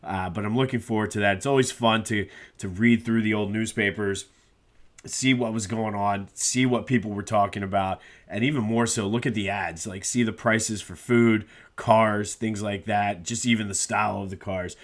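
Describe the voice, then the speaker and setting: A man talks through his solo sports podcast at normal speed, his lowish voice fairly even in intonation and a bit congested and nasal from a cold. The tone is chatty, with plenty of "uh" fillers.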